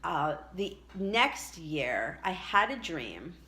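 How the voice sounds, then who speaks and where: A middle-aged woman chatting casually and reflectively as she tells a personal story, with halting asides. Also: fairly low pitch, big pitch swings, bright, forceful tone. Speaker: vlogger telling a personal story.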